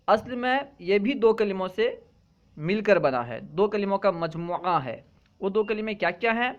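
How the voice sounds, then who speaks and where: A man teaching a lesson in a patient, explanatory way, often checking in with his students. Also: high voice. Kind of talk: classroom lecture. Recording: dull lo-fi recording.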